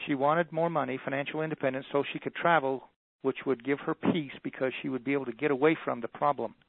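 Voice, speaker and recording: A man speaking as a motivational speaker, telling a story and acting out the dialogue while he pitches a coaching package. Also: no echo. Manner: storytelling, voices quoted dialogue. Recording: tinny phone-like audio, dry.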